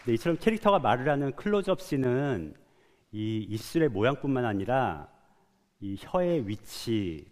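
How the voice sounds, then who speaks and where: A man's voice: fairly low pitch, a little mellow. Man lecturing in a reverberant hall. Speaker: animator giving a talk. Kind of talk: prepared public lecture.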